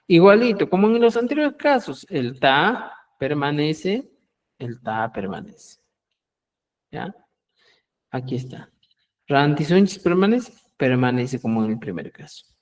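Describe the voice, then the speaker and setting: A man teaching a live online language class, repeating each example phrase slowly and checking in with his students, often trailing off softly at the end of a phrase. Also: a little high, big pitch swings, rough recording.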